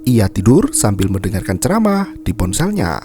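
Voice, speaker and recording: A man's voice: on the low side, sing-song, normal speed, noisy background. A man narrating a film recap as scripted, dramatic storytelling.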